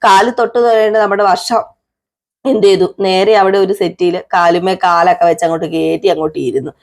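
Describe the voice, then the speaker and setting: ഒരു സ്ത്രീ, ശ്രോതാക്കളോട് സംസാരിക്കുന്നതുപോലെ ഒരു സീരിയലിന്റെ കഥ ലളിതമായി പറഞ്ഞുപോകുന്നു. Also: female voice, fairly low pitch, fairly even intonation, a little fast, gravelly, a little mellow. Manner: chatty, asides to listeners. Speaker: serial recap narrator. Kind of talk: casual storytelling recap.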